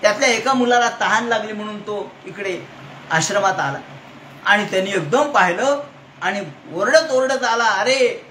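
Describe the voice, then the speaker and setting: High-voiced man, devotional storyteller, animated, roomy echo. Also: moderate pace. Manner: animated storytelling, acting out dialogue. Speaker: religious storyteller. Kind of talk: devotional scripture discourse. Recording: echoey room with faint noise.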